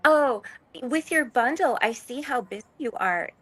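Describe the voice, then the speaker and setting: A woman's voice: sits high, expressive, a little slow, fairly bright tone, no echo. A woman leading a cacao ceremony chats enthusiastically on a live video call from her phone, and her audio keeps cutting out. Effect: audio cutting out in dropouts. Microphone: phone microphone.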